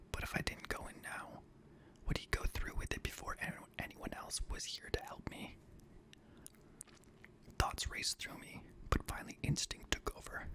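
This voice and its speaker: A young adult man hosts and reads scary stories in a hushed, breathy ASMR whisper, speaking gently close to a boom-arm studio microphone. He records in a small indoor home studio, and the audio quality is poor.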